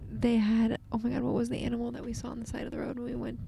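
A young woman chatting casually about travels, lively and prone to tangents. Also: fairly high pitch, very fast, vocal fry, a little hiss or hum.

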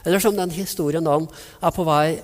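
A man with a somewhat high voice delivers a sermon, telling stories vividly and acting out the people in them. His voice rings with the long reverb of a large hall. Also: fairly even intonation. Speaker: preacher.

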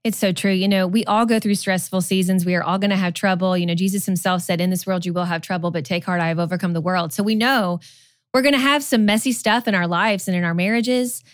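A woman's voice: mid-range voice, steady tone, fast, dry recording, studio quality. A woman co-hosting a podcast on marriage, chatting casually and giving affirming, faith-based encouragement. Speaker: podcast co-host.

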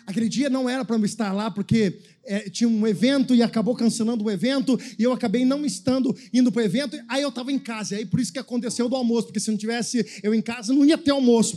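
A man with a Brazilian Portuguese accent preaching a sermon as a pastor. He tells a story quietly, then breaks into a sung, shouting preaching cadence. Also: very high-pitched.

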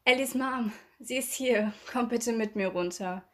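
An anxious teenage girl, as read by a woman narrator. She speaks a bit higher and tighter than the narration, with the strain of someone close to tears. It is a spoken storybook character. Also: unhurried, fairly bright tone. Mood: worried.

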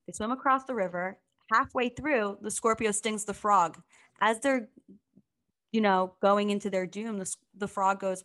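In a casual chat recapping a reality show, a young woman co-hosting a podcast tells a story with lots of laughter. Her voice is medium in pitch and fairly bright.

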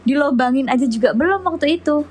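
A woman's voice: sits high, lively intonation, quick pace, crowd noise. A young woman, telling a story animatedly as co-host of a casual chat. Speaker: podcast co-host.

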